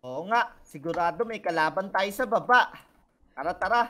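A woman's voice: fairly low pitch, expressive, normal speed, sharp tone. A woman, encouraging her friend while they play a game together. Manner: encouraging, upbeat, laughs often. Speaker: co-host gamer. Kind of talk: playful game commentary.

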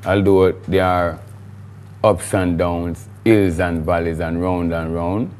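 A man's voice: sits low, flat delivery, slow pace, darkish tone, slight background noise. A middle-aged man with a Jamaican accent, a guest in a studio interview, talking in a rambling, emphatic way with patois phrasing. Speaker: guest, recording artiste.

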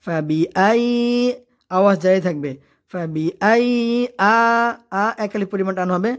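A woman teaching tajweed. She alternates rapid spoken explanations with slow, drawn-out chanted recitation of verses. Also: medium pitch.

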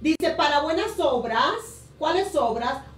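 A middle-aged woman from Honduras, a pastor, preaching a sermon with emphatic, drawn-out key words from a room at home on a webcam. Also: high-pitched, animated. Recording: roomy echo, voice a bit distant.

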